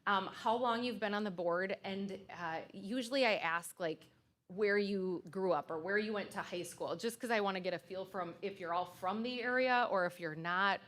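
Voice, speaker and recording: A woman's voice: medium pitch, normal speed, fairly bright tone. A woman consultant presenting to a school board at a public meeting, conversational and loose, with frequent fillers and restarts.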